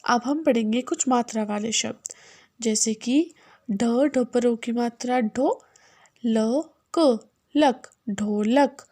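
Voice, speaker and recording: A woman teacher giving a children's phonics lesson, sounding out syllables slowly and repeating each word, switching between Hindi and simple English. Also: on the high side, mellow.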